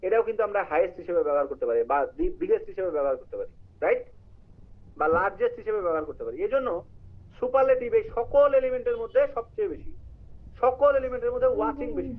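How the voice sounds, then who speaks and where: A high-voiced man teaches an online English writing class at a quick clip. He explains grammar and puts questions to his students, with English terms scattered through his talk. His voice comes through a narrow, tinny line that sounds like a phone call. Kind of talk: live online class lecture.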